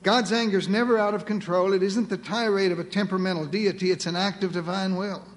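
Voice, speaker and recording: High-voiced preacher in a reverberant hall. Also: male voice, fairly even intonation, fast talker. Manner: dramatic, acts out voices of God and Moses with humor. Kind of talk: sermon.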